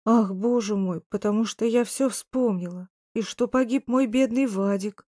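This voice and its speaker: A woman's voice: on the high side, moderate pace, mellow, dry recording, clean studio sound, lightly acted. A woman narrator voicing a fretful, helpless elderly woman who sighs out plaintive exclamations, in an audiobook. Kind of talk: audiobook dialogue reading.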